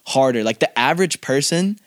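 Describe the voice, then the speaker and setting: A man's voice: medium pitch, lively intonation, brisk, no room sound, clean studio sound. Rambling young male podcast host. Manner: rambling, heavy use of "like" and slang. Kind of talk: casual podcast chat.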